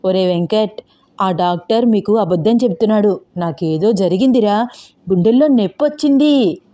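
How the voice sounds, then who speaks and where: A woman voicing a bossy, scheming grandmother in her seventies who scolds loudly and talks slyly. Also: mid-range voice, normal speed, lightly acted. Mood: shouting complaints. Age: over 60. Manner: shouting, scolding, sly.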